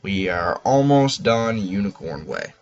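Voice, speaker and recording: A man's voice: fairly low pitch, sing-song, a little slow, darkish tone. A man giving casual commentary as he records a video game walkthrough. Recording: dull lo-fi mic, game music behind. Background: game music.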